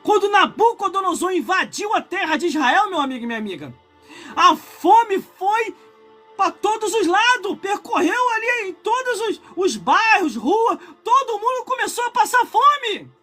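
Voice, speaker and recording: Fervent, high-voiced Brazilian preacher in his forties. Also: big pitch swings, moderate pace, soft background music. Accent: Brazilian Portuguese. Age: 40s. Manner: impassioned preaching that swells into shouts, broken by chatty asides to viewers. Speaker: pastor. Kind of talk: live-streamed sermon.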